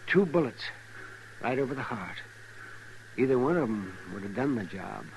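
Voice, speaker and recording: An actor playing a fussy, grimly matter-of-fact frontier town doctor in an old-time radio western. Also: male voice, mid-range voice, lively intonation, moderate pace, close to an everyday voice. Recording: noisy vintage radio recording.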